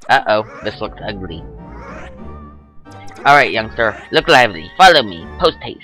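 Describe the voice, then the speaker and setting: A man voicing a fussy old male ghost-hunting professor in a let's play, reading the game's lines in a creaky put-on old man voice. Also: fairly low pitch, very animated, moderate pace, pushed and bright, faint music behind.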